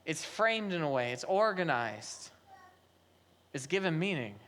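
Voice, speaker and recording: Delivering a sermon at a church service, a pastor speaks in an unhurried, sing-song way, moving from a soft, low register into raised, emphatic passages. He repeats phrases often and asks rhetorical questions.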